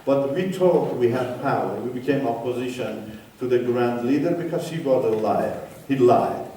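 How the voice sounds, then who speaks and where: Speaking as a guest in a church hall, an older Iranian man who grew up speaking Turkish shares his personal testimony with emphasis, in brief, faltering phrases. The hall echoes, and his warm, mid-range voice comes from far from the mic, with some hiss or hum.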